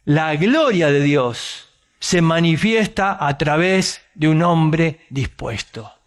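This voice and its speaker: A man with an Argentine accent preaching a sermon, telling a story with animated, conversational asides and rhetorical questions. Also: on the high side, slow pace. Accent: Argentine Spanish.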